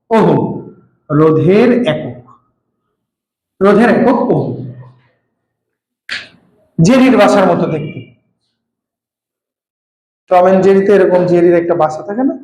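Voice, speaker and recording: A man's voice: high voice, normal speed, pauses often, darkish tone. A male physics teacher gives a classroom lecture. He repeats key terms and keeps asking his students whether they follow. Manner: patient, repeats key terms, asks checking questions. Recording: echoey room.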